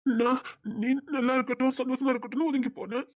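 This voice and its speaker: A man with a Tirunelveli Tamil accent playing an older man on duty, a gruff yet tender lover who stammers. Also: extremely high pitch, level tone, fast. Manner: stammers, turns from cold to tender. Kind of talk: romantic short-drama acting.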